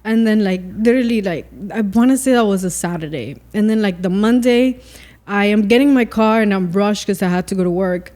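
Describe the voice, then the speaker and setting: A woman's voice: medium pitch, a little fast, darkish tone. A young woman, a podcast guest, telling a personal faith story in casual chat, rambling with lots of "like" fillers. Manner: rambling, full of "like" fillers and acted-out quotes.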